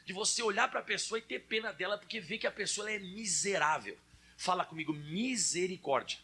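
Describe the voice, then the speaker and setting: A male preacher with a Brazilian Portuguese accent, his voice high and bright with a husky edge. He talks to the congregation in a chatty, direct sermon style, calling on them to answer back. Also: fast.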